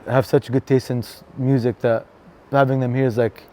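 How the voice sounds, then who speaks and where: Laid-back DJ guest, man in his thirties, dark mellow tone, filler-heavy casual talk. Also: mid-range voice, moderate pace. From Canada. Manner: relaxed, chatty, lots of fillers and "bro". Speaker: DJ and venue co-founder, guest. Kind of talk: casual interview chat.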